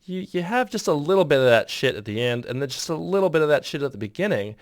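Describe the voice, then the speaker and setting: A man's voice: a little high, big pitch swings, fast talker, no echo, clean studio sound. A man casually narrating an editing tutorial in voice-over, rambling, interrupting himself and chuckling at his own asides. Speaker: video editor explaining his process.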